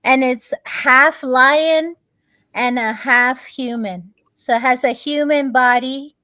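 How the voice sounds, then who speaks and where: A woman, a guest in a conversation, telling a long story in a halting way, pausing on many fillers and restarts. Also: sits high, steady tone, pushed and bright, no echo.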